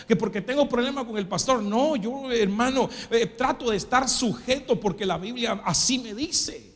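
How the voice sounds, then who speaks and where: High-voiced Nicaraguan preacher in a hall. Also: male voice. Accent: Nicaraguan Spanish. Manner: emphatic preaching, keeps addressing the congregation as "brother". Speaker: pastor. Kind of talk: sermon. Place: church. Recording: long hall reverb.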